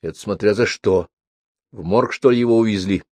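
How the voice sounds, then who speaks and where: A male audiobook reader voicing a lively, ironic young woman who is the story's heroine. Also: fairly low pitch, a little fast, no room sound, close to an everyday voice. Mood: teasing.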